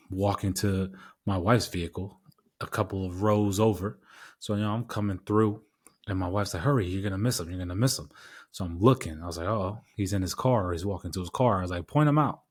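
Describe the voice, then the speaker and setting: A man's voice: sits low, steady tone, normal speed. A married man hosting his podcast, telling a story in a casual, rambling way with repeated phrases and casual swearing. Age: adult, married with daughters. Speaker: podcast host.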